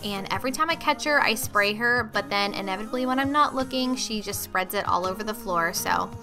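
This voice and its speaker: Young woman, casual vlog voice-over, talkative, filler ums, mid pitch, loud backing music. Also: brisk. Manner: chatty, friendly, with filler ums. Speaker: cleaning and cooking vlogger.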